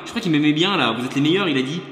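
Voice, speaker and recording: Fast-talking young man, roomy echo. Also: a little high. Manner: chatty, laughs often, quick asides. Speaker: YouTuber reacting to fans' voice messages. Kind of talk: casual reaction commentary.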